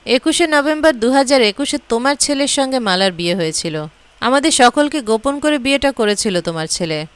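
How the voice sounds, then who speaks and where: A woman's voice: high-pitched, lively intonation, fairly quick, smooth. A woman voicing a proud, impatient mother in a spoken story, curt and dismissive.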